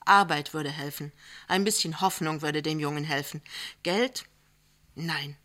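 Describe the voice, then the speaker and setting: An anxious young wife, as a reader puts her on for an audiobook, earnest and pleading. Her words press forward with urgent emphasis, in a bright, forceful tone. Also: medium pitch, unhurried. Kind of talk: audiobook character reading.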